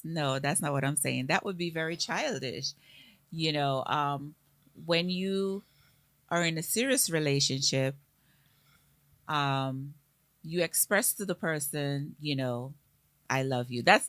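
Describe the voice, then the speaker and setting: A woman with a low voice talks slowly and earnestly in a casual live-stream chat. She builds her point through repeated examples. The sound is dry and close. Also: a bit bright, no room sound. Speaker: co-host.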